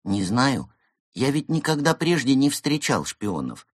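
Guy doing a shy penguin, quiet, unsure, a little husky. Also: medium pitch, very animated, measured pace, no echo, clean studio sound, pitched above the performer's own voice. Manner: quiet, hesitant. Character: quiet, simple male penguin. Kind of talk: audiobook character voice.

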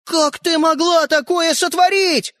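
Woman putting on a quick-tempered young boy, blunt, shouty, lively, dry sound. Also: a little high, husky, dry recording, voice pushed up, heavily acted. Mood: angry. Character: impatient hot-tempered young schoolboy.

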